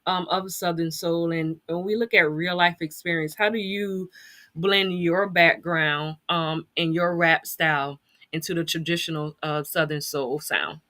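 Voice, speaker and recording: Woman interview host, lowish but really bright forceful voice, asks measured questions. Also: steady tone. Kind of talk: conversational interviewing.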